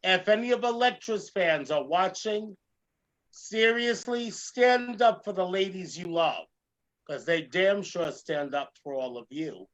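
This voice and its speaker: In this animated talk show rant, the male host, a comedian who performs in drag, rants emphatically and theatrically, his gravelly voice repeating lines for effect. He speaks high and a little slowly, with a somewhat bright tone, and the recording is rough.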